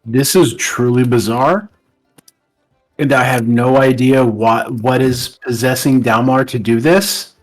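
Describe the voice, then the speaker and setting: A man's voice: medium pitch, fairly even intonation, slow, soft background music, low-quality recording. A man playing a tabletop role-playing game, talking casually and describing what his character does.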